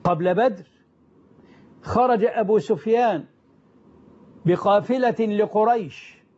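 A man with an unusually high voice tells an old religious story as a storyteller. He is emphatic, rephrasing and repeating lines to press them home. The recording is dull and lo-fi. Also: slow pace, a little mellow. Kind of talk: retelling early Islamic history.

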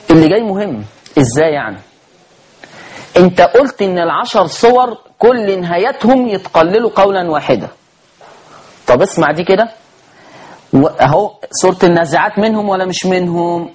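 A man with an Egyptian accent teaching a tajweed lesson on Quran recitation. He asks his listeners rhetorical questions and chants the verses slowly. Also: on the high side, a little mellow, husky. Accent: Egyptian Arabic.

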